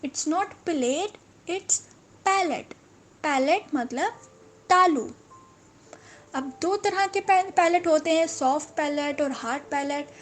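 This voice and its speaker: Slow, high-voiced woman teaching vocabulary. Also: soft background music. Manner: drills each word slowly, correcting mispronunciations. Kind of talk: slow, repetitive vocabulary lesson.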